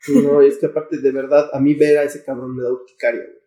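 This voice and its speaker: A man's voice: medium pitch, little pitch movement, quick pace, warm tone. A man with a Mexican accent hosting a casual comedy podcast, bantering in slangy, profane, irreverent laddish style. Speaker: podcast host. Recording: echoey room.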